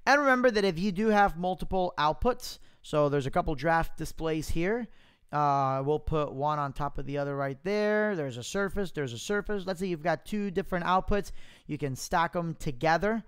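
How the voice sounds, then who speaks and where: Guy doing a live software walkthrough, smooth higher-ish voice, chatty, thinking out loud, mic pops. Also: normal speed. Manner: informal, thinking aloud. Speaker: software demo presenter. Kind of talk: casual live screen-share tutorial. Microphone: close mic without pop filter, popping plosives.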